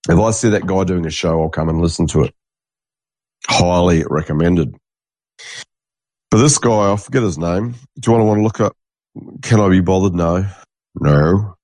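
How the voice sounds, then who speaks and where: Talking at a normal speed with frequent pauses, the man has a low, slightly mellow voice and no room sound in the recording. He hosts a solo podcast, rambling with a stuffy, congested nose, cursing now and then and abandoning sentences to begin them again.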